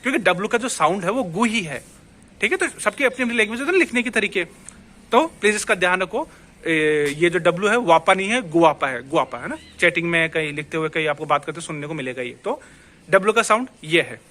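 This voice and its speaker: Bright, high-voiced Indian teacher. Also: male voice, lively intonation, fast. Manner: chatty, repeats words and checks in with the viewer. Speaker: Spanish teacher. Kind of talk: casual language lesson.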